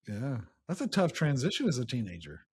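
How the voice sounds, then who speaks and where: A man's voice: mid-range voice, huge pitch swings, fairly quick, darkish tone, husky. A man hosting a podcast interview. He asks questions and affirms his guest in a conversational way. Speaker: podcast host.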